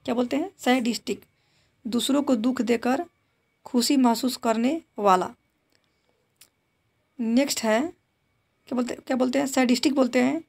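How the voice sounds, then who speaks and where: In a fairly high, creaky voice with a darkish tone, a woman teaches exam vocabulary. She explains each word in Hindi, reads its English definition, then repeats it with a drilling question.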